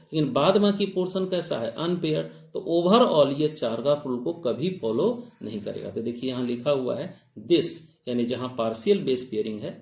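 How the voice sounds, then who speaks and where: Guy doing a biology exam-prep lecture, gravelly voice, echoey room, keeps quizzing the class. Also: mid-range voice, darkish tone. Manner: rhetorical questions to students, addresses them as "babu"; mixes Hindi with English technical terms. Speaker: biology teacher.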